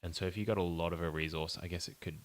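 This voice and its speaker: A young indie game developer, live-streaming while he codes, talks in a low voice with fairly even intonation at a racing speed. He mutters and thinks aloud in a casual, apologetic way.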